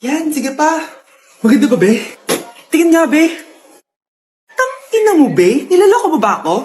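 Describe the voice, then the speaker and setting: A woman's voice: high voice, wildly swooping pitch, moderate pace, darkish tone, a little hiss or hum. A woman voicing a cheeky, foul-mouthed teenage student bantering in a comic skit. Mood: teasing.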